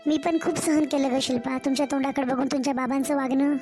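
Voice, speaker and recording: A woman's voice: high-pitched, steady tone, fast, darkish tone, faint music behind, natural voice. A woman voicing an older village mother, doting and worried, coaxing her daughter in a cartoon story. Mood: fussing. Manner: fussing, coaxing.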